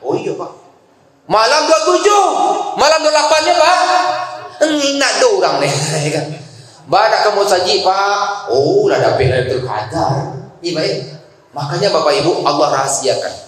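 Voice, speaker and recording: A middle-aged man with a West Sumatran accent giving a lively Ramadan sermon, often asking his congregation questions. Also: high-pitched, normal speed. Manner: animated, conversational, asks the congregation questions. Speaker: preacher. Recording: very echoey hall.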